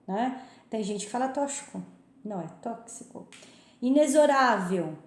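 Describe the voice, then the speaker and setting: A woman's voice: medium pitch, mellow. A woman teaching a lesson, explaining a textbook chapter and often checking understanding with short tag questions. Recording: echoey room.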